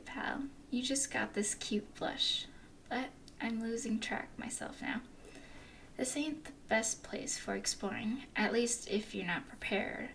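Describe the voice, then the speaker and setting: A woman whispers softly in an ASMR roleplay as a teasing, flirtatious female werewolf explorer, drawling playfully. Her pitch is fairly high, with vocal fry.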